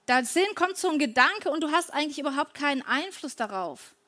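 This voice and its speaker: High-voiced woman giving a devotional talk. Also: lively intonation, fairly quick, sharp tone. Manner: earnest, conversational, asks listeners directly.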